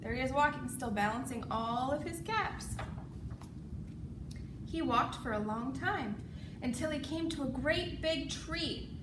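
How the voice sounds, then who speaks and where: A woman storyteller reading aloud for children in a broad, singsong kids' theatre style, expressive and deliberate. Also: sits high. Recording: echoey room, distant mic, noisy background.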